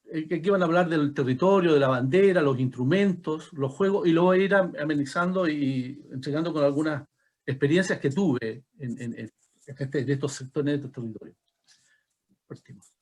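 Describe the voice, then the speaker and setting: A man in his seventies with a Chilean accent, a retired teacher giving an informal lecture over a video call, halting, with frequent restarts and asides. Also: a little high, darkish tone. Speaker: retired teacher presenting a talk.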